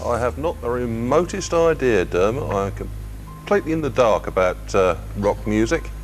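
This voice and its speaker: A man's voice: mid-range voice, expressive, moderate pace, soft background music. A man on a quiz team who speaks frankly and jokes about his own gaps in knowledge. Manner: frank, self-deprecating. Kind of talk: casual chat.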